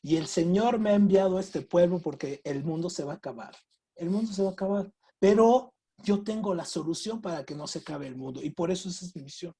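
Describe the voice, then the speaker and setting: A man's voice: high-pitched, brisk, breathy edge. A man voicing a young fake priest who preaches about the end of the world. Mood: preachy. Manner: lively storytelling retelling of a quoted speech.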